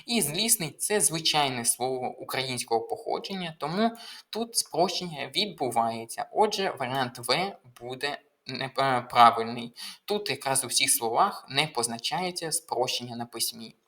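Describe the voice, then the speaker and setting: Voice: medium pitch, lively intonation, normal speed, sharp tone. Methodical tutor explaining exam answers. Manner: methodical, explains step by step with frequent hesitations. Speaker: language tutor. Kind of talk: exam walkthrough lesson.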